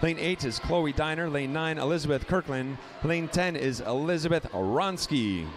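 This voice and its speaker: Male swim meet announcer, slightly higher voice, brisk roll-call delivery, faint noise behind. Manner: rapid lane-by-lane roll call, rising excitement on close finishes.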